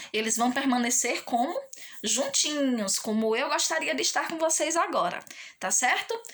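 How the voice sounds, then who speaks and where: Bright high-voiced teacher talking to children. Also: female voice. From Brazil. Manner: patient and sing-song, asks many tag questions; stretches key words slowly for children. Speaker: primary school teacher. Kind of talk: recorded online lesson for young children.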